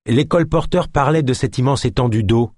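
A man's voice: medium pitch, normal speed, a little mellow, no room sound, clean studio sound, voice pushed up, lightly acted. A man voicing a blunt, skeptical young woman who speaks incredulously. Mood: curious.

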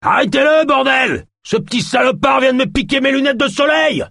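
A man doing Dark, a bullying potbellied crook. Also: medium pitch, expressive, moderate pace, dry recording, clean studio sound, voice pushed up, close to an everyday voice. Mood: shouting. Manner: shouting, gruff haggling. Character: potbellied scarred middle-aged man, greedy and bullying.

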